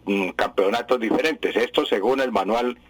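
A man from Colombia on the radio, patiently explaining word meanings to listeners, slowly and with many fillers. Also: on the low side, breathy edge, no echo, low-quality recording. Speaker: radio language teacher answering listeners.

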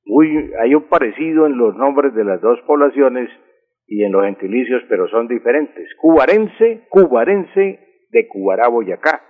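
A man explaining word usage on a radio language segment, patient and methodical, repeating key words slowly. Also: mid-range voice, lively intonation. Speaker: language expert answering listeners. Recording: husky voice over a tinny phone line with long reverb.

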